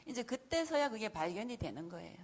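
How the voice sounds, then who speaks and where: Lively husky-voiced middle-aged woman testifying. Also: a little high, brisk. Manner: animated storytelling, acting out her own past prayers and talks, laughing often. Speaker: church deaconess giving a testimony lecture. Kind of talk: testimony talk at an evangelism school.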